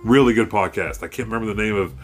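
A man's voice: fairly low pitch, quick pace, soft background music. A man co-hosting a casual podcast, telling rambling, profane stories with lots of restarts. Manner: rambling storyteller, curses a lot, restarts often. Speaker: podcast co-host. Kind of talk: casual chat.

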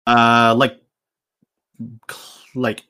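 Late twenties guy hosting a podcast, bright sharp voice, jokes at his own expense. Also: medium pitch, completely flat delivery, extremely slow, clean tone. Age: late 20s. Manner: jokey, self-mocking. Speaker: podcast host. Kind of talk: casual podcast chat.

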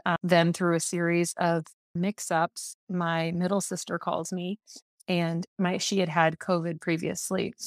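A woman speaks low and fairly monotone, working through a personal story with pauses, restarts and fillers. Her voice sits close and dry on a podcast mic, with no room around it. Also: dry recording. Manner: reflective, halting, many fillers and restarts. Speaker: podcast guest.

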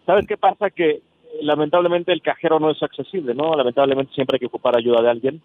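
A man's voice: fairly high pitch, fairly even intonation, fast, a little hiss or hum. A man with a Mexican accent chatting casually as a guest calling in to a live show. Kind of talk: casual conversation. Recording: dull lo-fi remote audio.

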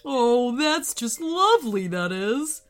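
A huge, grumpy male yeti from a children's storybook, put on by a woman reader. He grumbles in a folksy, exasperated way, with a lively, swooping voice that sits a little high. Soft music plays underneath. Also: takes it slowly. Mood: happy, hopeful.

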